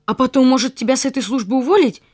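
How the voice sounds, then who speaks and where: A woman's voice: high voice, racing, darkish tone, slightly rough, voice pushed up. A woman voicing a curious young boy who asks eager questions.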